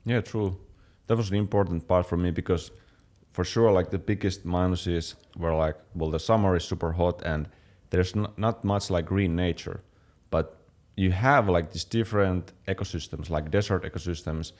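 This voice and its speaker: A young man from Finland chatting casually as a fitness channel co-host, relaxed, with many fillers and restarts. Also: low voice, normal speed. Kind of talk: casual chat.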